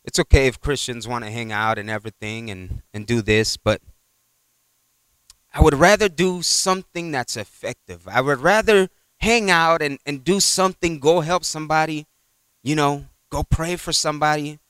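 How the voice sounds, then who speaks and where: Bright, clear-voiced man preaching casually. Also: a little high, normal speed, no room sound. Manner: rambling, full of "you know" and retold exchanges. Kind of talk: conversational sermon.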